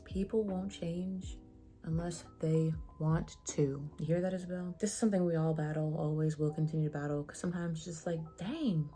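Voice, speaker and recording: A young woman giving casual advice in a vlog, slangy and sassy, with a flat, even delivery. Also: sits low. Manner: says she sounds monotone. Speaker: vlogger.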